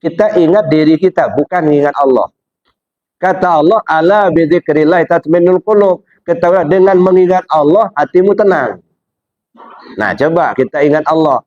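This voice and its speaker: A man giving a religious study lecture, asking his listeners rhetorical questions and jumping up in pitch to stress his points. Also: no room sound, highs cut off. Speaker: Islamic religious teacher.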